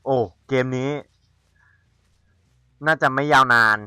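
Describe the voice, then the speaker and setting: A man playing a horror game and commenting as he goes, chatty and excitable, teasing the players he hunts. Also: mid-range voice, slow, clean tone, no room sound, studio quality. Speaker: gamer. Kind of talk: let's-play commentary.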